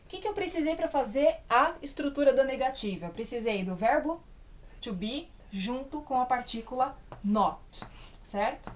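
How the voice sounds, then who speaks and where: Leading a whiteboard grammar class, an animated English teacher with a fairly high voice and a Brazilian Portuguese accent talks patiently. She checks in through short tag questions and slows her pace to spell out each English example.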